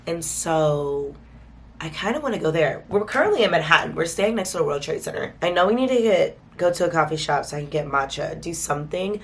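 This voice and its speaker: A woman with a low, lively voice talks fairly quickly in a casual vlog to camera. Her voice is stuffy and congested from a cold, and as host she chats informally, calling her viewers "y'all."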